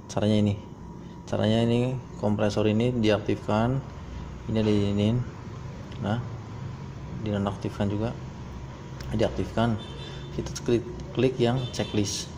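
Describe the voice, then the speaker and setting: A man giving a casual, halting, step-by-step phone app tutorial as host. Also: level tone. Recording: noisy amateur phone recording, vehicle-like rumble.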